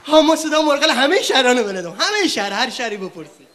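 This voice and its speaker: A man's voice: very high-pitched, big pitch swings, sharp tone, big-room sound, a little hiss or hum. A man on stage playing a rustic, word-mangling character in a comedy sketch. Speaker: comedian doing animal and hen impressions.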